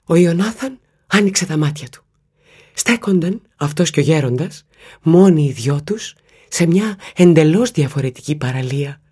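A man narrating an audiobook in a measured, even storytelling manner. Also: fairly high pitch, husky.

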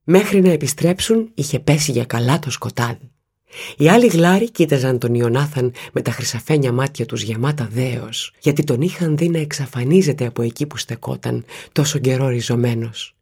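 A man narrating an audiobook in a measured, even storytelling manner. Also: medium pitch, creaky, husky.

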